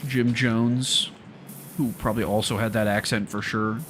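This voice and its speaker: A man's voice: fairly low pitch, fairly even intonation, unhurried, a bit bright, slight background noise. Chatty, rambling male game streamer. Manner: chatty, rambling, muttering to himself. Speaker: gaming livestreamer. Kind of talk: casual gameplay commentary.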